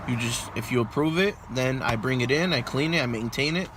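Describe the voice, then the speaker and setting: A young man recording a casual vlog about his vending machine business, excited and motivational, filmed on a handheld phone. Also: medium pitch, brisk, background noise. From Massachusetts. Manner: excited, motivational, retells dialogue.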